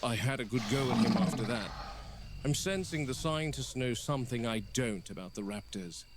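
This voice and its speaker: A man plays a stern game warden who speaks gravely and bluntly, as though logging an incident in a found-footage horror film. He sounds irritated and wary, his medium-pitched, fairly everyday voice deliberate over a faint, noisy nighttime ambience.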